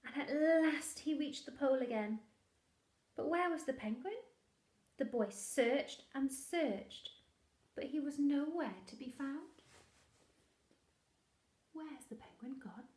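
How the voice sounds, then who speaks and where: Reading aloud to young kids from a picture book, this woman sounds like a primary school teacher, giving a deliberate, expressive performance with quiet asides. Her high-pitched voice carries in a roomy-sounding space.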